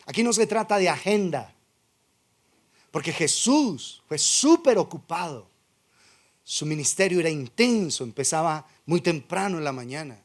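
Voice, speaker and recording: A man's voice: a little high, expressive, a little slow. A man preaching a sermon as pastor, firing rhetorical questions and acting out imagined excuses. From Colombia.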